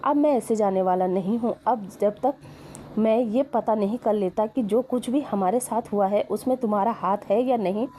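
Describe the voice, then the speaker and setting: A woman's voice: medium pitch, moderate pace, dark tone, slight background noise, close to an everyday voice. A woman voicing a theatrical young man who pleads and schemes. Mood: defiant.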